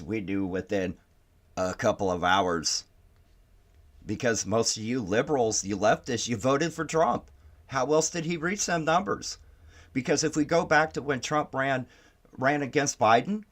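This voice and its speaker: A man giving profane, taunting reaction commentary on video clips, laughing at the people he mocks. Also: mid-range voice.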